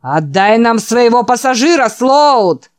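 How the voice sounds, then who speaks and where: Jeering male trolls outside a window as voiced by a female narrator; loud, high, mocking taunts for an audiobook. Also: very animated, takes it slowly, no echo, clean studio sound, exaggerated voice.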